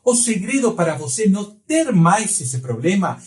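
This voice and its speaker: A man's voice: high-pitched, big pitch swings, normal speed, roomy sound. A man from Uruguay with a Uruguayan Spanish accent, co-hosting a language lesson and saying example words in a friendly way.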